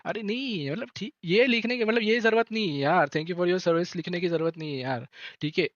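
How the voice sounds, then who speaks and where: Heated high-voiced young man streaming. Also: moderate pace, a bit bright, no room sound, muffled recording. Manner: heated, repeats himself, addresses viewers as bhai. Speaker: esports team in-game leader. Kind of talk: casual livestream explanation to viewers.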